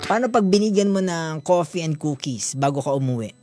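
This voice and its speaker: A woman's voice: low voice, lively intonation, brisk, darkish tone. A woman hosting a radio show, reading listener letters and commenting in a giggly, teasing manner. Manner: giggly, teasing, frequent laughter. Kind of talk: casual radio chat. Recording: radio studio with music bed.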